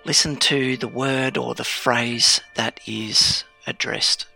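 A man leading a calm grounding exercise as guided prayer, speaking in a measured, reflective way with deliberate pauses. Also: mid-range voice, gravelly, faint music behind, rough recording. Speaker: leader of a guided scripture meditation.

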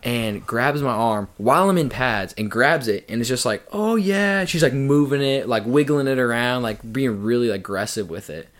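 A young man, a podcast guest, telling a story in a casual, animated way and acting out the people in it. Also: moderate pace, hardly any pauses. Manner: animated storyteller, acts out quotes with big jumps in pitch.

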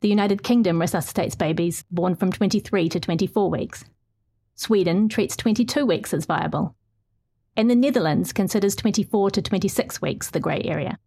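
At normal speed, a middle-aged woman reporter reads out a long feature in an even, clear voice of middle pitch. Her answers to questions are looser, marked by small restarts.

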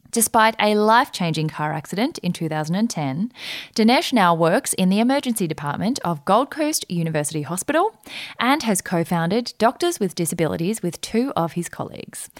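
A woman hosts a podcast interview with eager enthusiasm and frequent laughter. Her voice sits a little low. The recording is dry and close. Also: no echo. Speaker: podcast host.

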